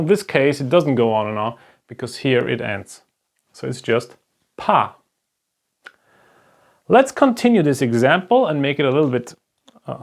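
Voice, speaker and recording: A medium-pitched male voice with vocal fry comes from a Hebrew teacher, a native German speaker with a German accent. He gives a slow, explanatory lesson at a board, patiently taking it step by step and checking with "right?"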